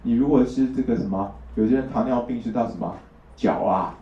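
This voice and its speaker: A man's voice: medium pitch, a little fast, slight background noise. A man teaching a traditional Chinese medicine class, explaining step by step and often checking that his listeners agree. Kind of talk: classroom lecture. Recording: distant roomy lo-fi lecture recording.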